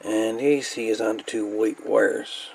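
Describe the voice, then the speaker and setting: This presenter is a hobbyist fixing a radio at an indoor workbench, talking through the job off the cuff in a casual, matter-of-fact way. He has a lowish, steady, husky voice, a little mellow with vocal fry, and a measured pace. The clip comes from a noisy amateur camera.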